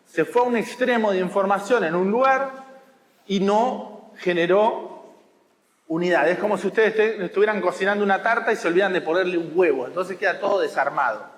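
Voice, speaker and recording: Man, Rioplatense accent, high-pitched voice, teacher at a masterclass, explaining and teasing, reverberant hall. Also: fast, few pauses, fairly bright tone. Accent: Rioplatense Spanish. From Argentina. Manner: explanatory, teasing, checks understanding. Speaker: watercolor teacher. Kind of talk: masterclass to students. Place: school hall.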